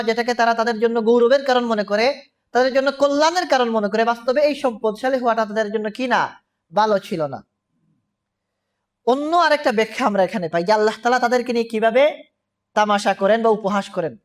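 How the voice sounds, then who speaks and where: Woman lecturer on scripture commentary with a somewhat high voice. She asks rhetorical questions and answers them, and piles up parallel phrases. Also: fast. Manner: stacks repeated parallel phrases. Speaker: Quran commentary teacher.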